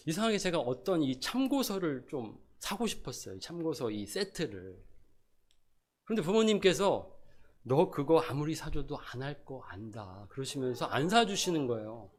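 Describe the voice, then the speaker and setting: A middle-aged man preaching a sermon as pastor, moving between loud emphasis and soft asides, and acting out pleading prayers. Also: medium pitch, breathy edge. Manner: acts out prayers and quotes in a pleading voice.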